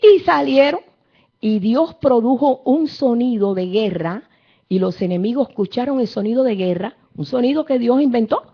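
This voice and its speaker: Husky-voiced woman preacher. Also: on the high side, lively intonation, normal speed. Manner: fervent, storytelling, addresses the congregation. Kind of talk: sermon. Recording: dull lo-fi recording.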